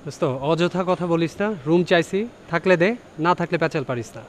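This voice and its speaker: A man's voice: a little high, fast, a little hiss or hum, close to an everyday voice. A man playing an earnest young man who wants to give a street kid a new life, speaking urgently. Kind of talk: amateur drama acting.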